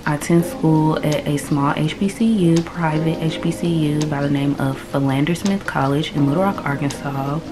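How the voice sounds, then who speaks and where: A woman in her early twenties chatting casually to camera in a relaxed, slangy way. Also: low voice, moderate pace, few pauses. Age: 20s. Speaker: vlogger. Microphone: phone camera.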